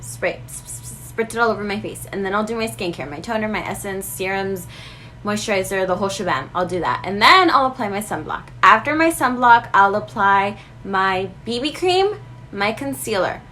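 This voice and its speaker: A woman's voice: mid-range voice, animated, moderate pace, bright, forceful tone, a little hiss or hum. A woman in her twenties talking animatedly to the camera in a casual skincare vlog, slipping in Spanish phrases now and then. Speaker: beauty vlogger.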